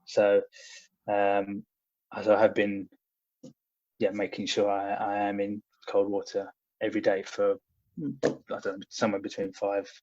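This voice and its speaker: Here a young personal trainer, appearing as a podcast guest, tells casual stories in a monotone at a measured pace. His voice is on the low side and darkish, and his speech is hesitant, packed with fillers and restarts. The recording sounds dull and lo-fi.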